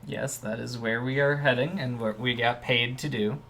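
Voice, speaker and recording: A seasoned mercenary who shrugs everything off and speaks flatly and matter-of-factly, played by a man at a tabletop game. His voice is bright and forward. A faint hiss of noise sits under it. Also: mid-range voice, moderate pace, close to an everyday voice. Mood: calm. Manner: matter-of-fact, unbothered. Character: seasoned, laid-back male mercenary guard. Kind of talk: tabletop role-play.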